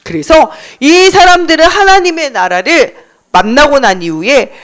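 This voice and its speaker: A woman giving a children's sermon in church, telling the story in a sing-song way, questioning the children and loudly chanting the lines she wants them to repeat. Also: high voice, moderate pace. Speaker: children's Sunday school teacher. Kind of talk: children's sermon with call-and-response. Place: church service.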